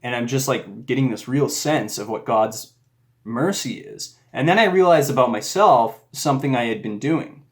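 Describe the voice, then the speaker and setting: A man's voice: mid-range voice, normal speed. A man talking casually and earnestly about a personal faith experience, rambling with frequent restarts. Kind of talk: casual reflective monologue.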